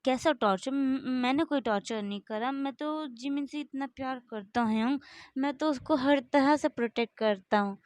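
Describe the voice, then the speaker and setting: A woman's voice: high-pitched, normal speed, dry recording, pitched above the performer's own voice, close to an everyday voice. A woman voicing a protective young man who scolds and stammers. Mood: defensive.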